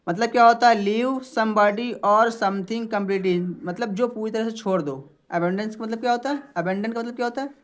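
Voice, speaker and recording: In a classroom-style Hindi lesson on English vocabulary, a male teacher with a voice that sits high works patiently on pronunciation. He often adds a checking "okay" after answering questions he asks himself, and he slowly repeats words as models.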